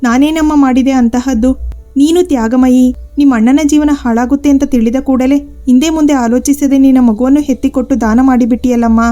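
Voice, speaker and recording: A kindly family doctor in a spoken storybook, gentle and soothing, in a high, warm voice, as a woman narrator does the part. Faint music plays behind. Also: fairly even intonation, a little fast, lightly acted.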